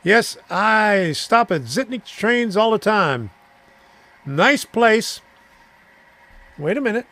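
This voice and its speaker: A man's voice: high voice, animated, slow, long pauses, pushed and bright. A middle-aged man hosting a live stream, chatting casually and answering viewer comments, rambling and chuckling between thoughts. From Florida.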